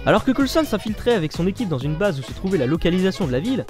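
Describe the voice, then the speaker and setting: A man narrating a comic series recap in a jokey, slangy, animated way. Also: high-pitched, racing, faint music behind. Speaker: comedy recap host.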